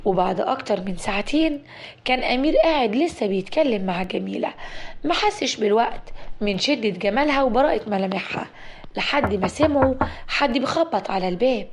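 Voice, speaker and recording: A woman with an Egyptian accent narrating a dramatic story in a steady voice. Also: a little high, a little fast. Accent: Egyptian Arabic.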